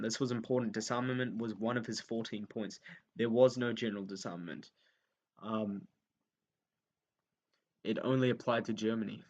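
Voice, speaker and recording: Young male tutor, low voice, off-the-cuff revision lesson, hesitant and repetitive as he writes notes, dull lo-fi sound. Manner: thinks aloud with many ums, repeats key points as he writes them down. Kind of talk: unscripted revision lesson while writing notes.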